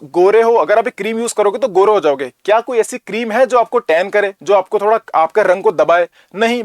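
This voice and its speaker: Lecturing male teacher from North India, higher voice, tends toward rhetorical questions. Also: no echo. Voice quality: Hindi mixed with English, conversational.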